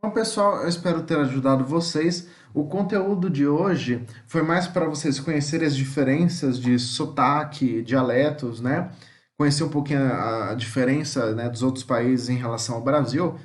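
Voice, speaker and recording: A Brazilian man with a Brazilian Portuguese accent giving a relaxed, conversational homeschool lesson, often tagging his sentences with checks for understanding. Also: mid-range voice, moderate pace, echoey room. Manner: conversational, many filler tags and repetitions. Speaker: teacher.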